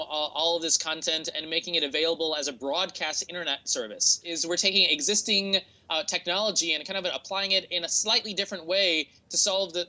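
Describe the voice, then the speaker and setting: A man with a standard American accent answers interview questions in a bright, forward voice. He explains in a halting way, pausing and repeating words as he works out his thought. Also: a little high, poor audio. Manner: hesitant, halting, repeats words while thinking. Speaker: interview guest, tech entrepreneur.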